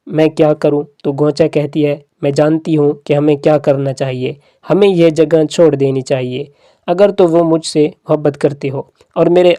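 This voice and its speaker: Drama recap narrator, plot retelling, quoted dialogue read plainly, warm tone, dry close recording. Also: mid-range voice, dry recording. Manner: reads characters' lines plainly as quotes within the retelling.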